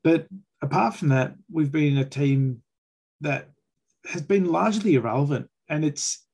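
A man's voice: a little high, measured pace, a little mellow, husky. An Australian man hosting a fan sports chat, giving critical, emphatic opinions in colloquial language. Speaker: fan podcast host.

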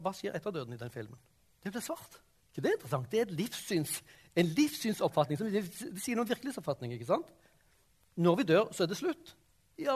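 A man with a fairly high voice leads a classroom discussion. He tosses questions to the class and keeps checking that they follow. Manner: questioning, prompting the class with frequent "sant?" and "ok?". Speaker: teacher.

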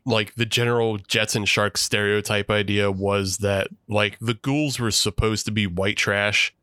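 A man's voice: on the low side, a little slow, smooth, dry recording, studio quality. A man co-hosting a podcast, talking casually about his old student film with plenty of fillers and laughs. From Pennsylvania. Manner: relaxed, rambling with frequent fillers and laughs. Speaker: podcast co-host, former student filmmaker.

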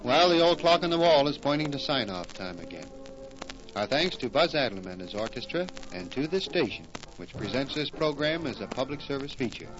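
A male radio announcer giving a measured, formal sign-off, heard as an old broadcast transcription disc. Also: medium pitch, big pitch swings, dull audio. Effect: old broadcast transcription disc sound. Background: orchestra music playing.

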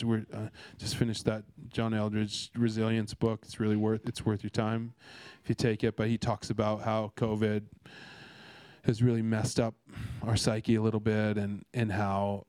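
A man's voice: fairly low pitch, a little mellow, no echo. A man from Canada giving a casual devotional talk, earnest and rambling, with many restarts and fillers. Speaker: speaker sharing a devotional.

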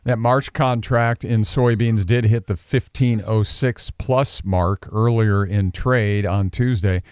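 Crisp male farm radio market host. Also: fairly low pitch, steady tone, slow pace, darkish tone, dry recording, clean studio sound. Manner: crisp announcer delivery of prices. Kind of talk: broadcast market report.

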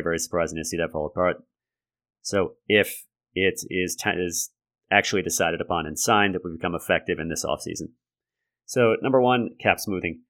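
A man hosting a sports podcast solo, talking analytically and conversationally in a gravelly voice left raspy by a lingering cold. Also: sits low, a bit bright. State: raspy from a lingering respiratory infection. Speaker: podcast host. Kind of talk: sports commentary monologue.

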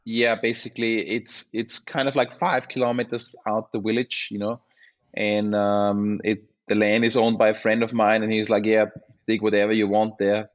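A man with an Austrian accent, a native German speaker, chatting casually and haltingly as he searches for words. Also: on the low side, level tone, lo-fi sound. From Austria, small village. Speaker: interview guest, mountain bike rider. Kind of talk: casual chat.

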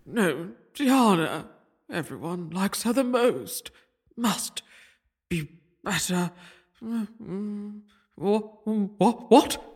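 Husky, melodramatic, haughty queen. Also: medium pitch, expressive, takes it slowly, long pauses. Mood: dazed.

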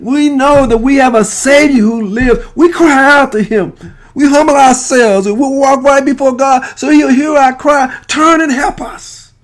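A man preaching a sermon, impassioned and repetitive, building to shouted pleas with frequent restarts. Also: very high voice, fairly even intonation, normal speed.

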